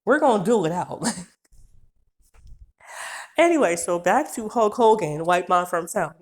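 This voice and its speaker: Young woman, storytime vlog, low-pitched, swears a lot, rambles. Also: sing-song, unhurried. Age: 20s. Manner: profane, rambling, laughs often. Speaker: vlogger. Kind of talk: casual storytime rant.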